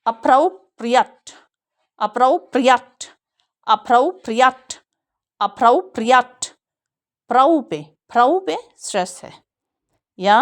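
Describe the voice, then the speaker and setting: A woman teaching English pronunciation, who says each word slowly many times over and explains the stress patiently. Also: fairly high pitch, a little mellow. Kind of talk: pronunciation lesson with slow repeated drills.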